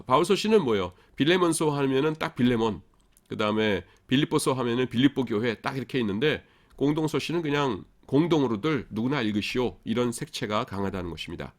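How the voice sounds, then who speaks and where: A man's voice: medium pitch, expressive, fairly quick. A middle-aged male professor delivers a recorded lecture with a voice that rises and falls a lot. He explains patiently, drops casual fillers and fixes his own slips mid-sentence. He keeps checking in with the class through rhetorical questions. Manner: casual fillers and self-corrections.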